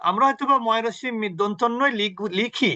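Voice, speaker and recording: A man teaching Quran recitation rules in an online class, explaining patiently, quizzing his students and chanting example words slowly. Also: sits high, sharp tone, muffled recording. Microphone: video call.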